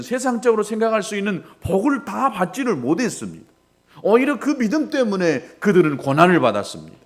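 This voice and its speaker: A middle-aged male pastor preaching a sermon, swinging between loud rises and quiet drops. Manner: preaching with dramatic rises and drops in pitch and volume.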